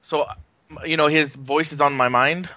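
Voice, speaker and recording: A man hosting a podcast in a casual, halting, rambling way from his apartment. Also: a little high, steady tone, bright, forceful tone, no room sound. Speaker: podcast host. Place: apartment, remote recording.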